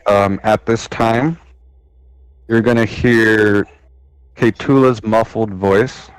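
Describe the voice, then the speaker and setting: A man running a tabletop game as game master, narrating in a relaxed, unhurried way. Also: fairly low pitch, clean tone, dry recording, rough recording.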